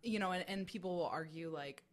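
A woman's voice: fairly low pitch, a little fast. A woman in her twenties co-hosting a podcast, talking casually and hedging with "like" and "you know". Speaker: podcast co-host. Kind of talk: casual chat.

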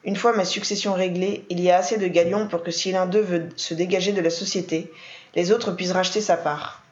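A woman's voice: lowish voice, fairly even intonation, brisk, lightly acted. Woman reading as a cold, curt older head of house; audiobook, roomy and muffled. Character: stern older wealthy man, head of the house. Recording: roomy, dull lo-fi.

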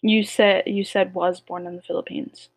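A woman's voice: medium pitch, little pitch movement, normal speed, no room sound. A young woman co-hosting a casual podcast, playful and teasing with slangy banter. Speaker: podcast co-host. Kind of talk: casual chat game with a friend.

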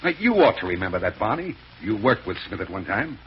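An actor playing a bossy, scheming space villain in an old radio serial, commanding, impatient and clipped. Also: male voice, on the low side, very animated, fast. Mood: impatient, menacing. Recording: muffled, hissy old radio broadcast.

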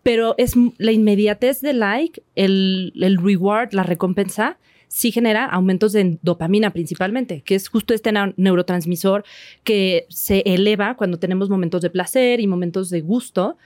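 Measured woman psychiatrist. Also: medium pitch, darkish tone, no room sound, clean studio sound. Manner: measured, informative. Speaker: psychiatrist, podcast guest. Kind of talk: explanatory interview answers.

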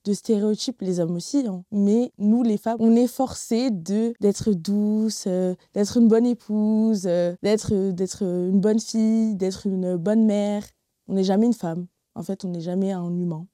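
A guest speaking frankly and with exasperation in a group discussion. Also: female voice, medium pitch, steady tone, a little slow, dark tone, no room sound.

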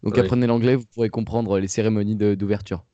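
A man's voice: lowish voice, fairly even intonation, fast, dark tone, no room sound, muffled recording. A young man co-hosting a casual chat, talking with many fillers and restarts. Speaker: podcast co-host.

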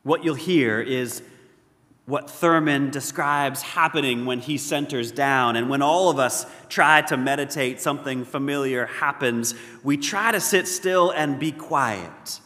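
A man preaching a sermon as pastor, slow and deliberate, swelling to emphatic peaks and dropping to hushed lows. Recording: reverberant hall.

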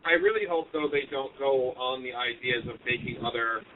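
Male guest co-host, mid-pitched, heard over a clipped, tinny phone line with light hiss. Halting, casual delivery. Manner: halting, with many fillers and restarts. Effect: clipped phone line that breaks up. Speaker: guest co-host, horror radio show host. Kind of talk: casual chat.

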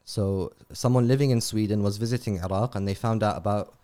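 Low-voiced man explaining at length. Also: fairly even intonation, dark tone. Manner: measured, explanatory, slips into tangents. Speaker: charity representative guest. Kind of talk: conversational interview.

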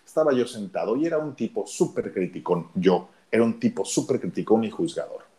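A Mexican man with a deep, low voice tells stories in a relaxed chat. His pitch swings widely as he acts out the people in his tale. He talks like a seasoned radio announcer. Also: a little fast. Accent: Mexican Spanish. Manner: animated storyteller acting out dialogue. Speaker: radio announcer guest telling his story. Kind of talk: casual storytelling chat.

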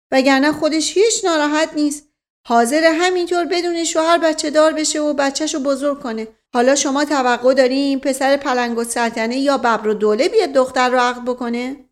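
A woman's voice: on the high side, natural voice. A woman voicing a witty, mischievous middle-aged nobleman who teases in a mock-formal way. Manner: teasing, mock-formal, with a foreign word as a catchphrase.

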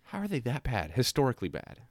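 A young man hosting a casual fantasy football podcast, animated and quick to get loud, a little hoarse from yelling. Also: medium pitch, dry recording, studio quality. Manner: animated, trails off and restarts, gets loud when excited. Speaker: podcast host.

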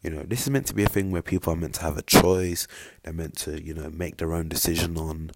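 This vlogger, a man, chats directly to the camera and wanders through his opinion, packing his talk with fillers. He sounds low and gravelly, keeps his tone steady, and moves at a quick clip, while the recording is very noisy.

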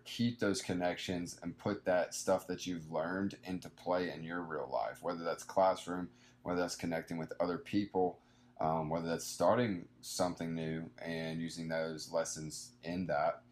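A man's voice: sits low, level tone, a little slow. A man in his twenties, a young small business owner, giving earnest, rambling advice in a casual conversation, full of fillers and restarts. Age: 20s.

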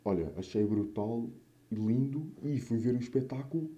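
Dark-voiced young Portuguese man, rambling casually. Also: mid-range voice, moderate pace. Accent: European Portuguese. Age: young adult. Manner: slangy and sweary, informal. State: mouth still a bit swollen after wisdom tooth removal. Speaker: podcast or vlog host. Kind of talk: casual solo chat, rambling anecdotes.

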